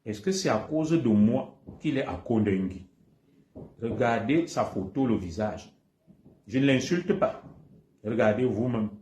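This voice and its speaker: A man's voice: medium pitch, warm tone, echoey room. A man with a Cameroonian French accent, speaking on a livestream in a heated monologue and hammering the same accusations again and again. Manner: combative, repeats accusations emphatically. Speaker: live streamer.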